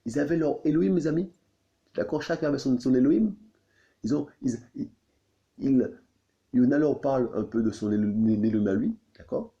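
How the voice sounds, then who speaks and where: Gravelly, dark-voiced male preacher. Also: normal speed. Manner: repetitive, constantly saying "my friends" and asking "you see?"; pitch leaps high on questions. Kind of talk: sermon. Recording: dull lo-fi recording.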